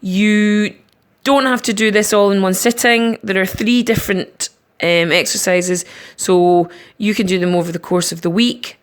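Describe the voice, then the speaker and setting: A woman teacher giving a recorded online lesson, patiently explaining each step slowly. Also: medium pitch, steady tone. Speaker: primary school teacher.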